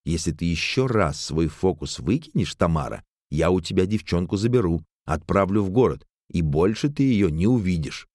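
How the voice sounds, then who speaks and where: A man voicing a cold, furious woman who heads the village, speaking in an icy, cutting, deliberate way. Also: lowish voice, steady tone, darkish tone, smooth, no echo, clean studio sound, natural voice. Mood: cold fury.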